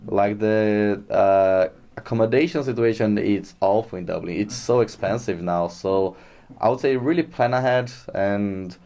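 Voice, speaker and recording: Man from Brazil, guest on a podcast, easygoing chat, low pitch, muffled lo-fi sound. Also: a little slow. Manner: relaxed, chatty, many fillers. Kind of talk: casual interview. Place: Dublin.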